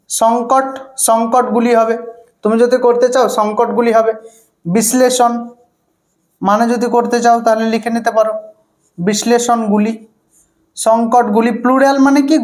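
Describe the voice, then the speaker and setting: A man's voice: very high-pitched, a little mellow. A male English teacher with a Bengali accent gives an online exam-prep lecture, repeating words and asking rhetorical questions that he answers himself. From West Bengal, India. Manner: repeats words and often says "okay".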